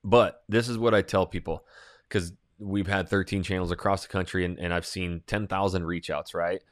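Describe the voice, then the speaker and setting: An energetic real estate agent talks straight to his listeners, punchy and salesy, with plenty of fillers. His voice sits low and deep. The sound is close and dry, with no room to it. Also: normal speed, no echo. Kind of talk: casual webinar talk answering questions.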